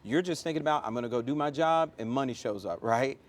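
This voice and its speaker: The airport chief executive, a middle-aged American, talks at a quick pace in a medium-pitched voice while answering interview questions. His manner is conversational, emphatic and motivational, and he leans on examples the way a storyteller would.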